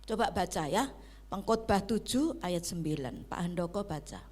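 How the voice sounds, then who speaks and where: A woman pastor preaching a sermon in church, switching between loud emphasis and near-whispered asides. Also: fairly low pitch, animated, normal speed.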